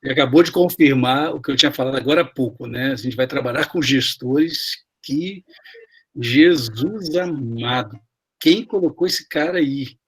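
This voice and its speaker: A man's voice: mid-range voice, normal speed, fairly bright tone, slightly rough. A middle-aged man with a Brazilian Portuguese accent, an HR professor telling workplace stories in a chatty live class over a video call, with many tag questions. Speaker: guest HR professor. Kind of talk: live class conversation, storytelling.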